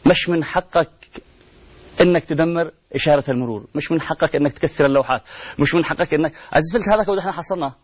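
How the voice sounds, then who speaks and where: Male host, impassioned pleading appeal, fairly high voice, dry dull lo-fi sound. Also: breathy edge, dry recording. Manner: pleading, rhetorical questions, repeated refrains. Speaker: TV program host.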